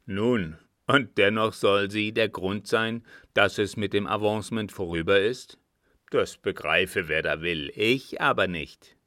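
A man reading an audiobook voices a gruff old field marshal who bursts out loudly with blunt oaths. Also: lowish voice, measured pace, no room sound, clean studio sound. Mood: indignant. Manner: loud blunt outbursts and oaths.

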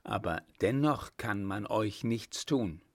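A man's voice: lowish voice, animated, slow, a little mellow, no room sound, clean studio sound, full character voice. A man reading an audiobook voices an earnest young hussar lieutenant in a near-normal voice.

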